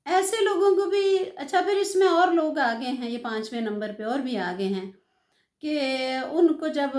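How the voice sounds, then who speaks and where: A woman's voice: on the high side, darkish tone, reverberant. An older woman giving earnest, emphatic advice to her viewers in a casual talk. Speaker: advice vlogger.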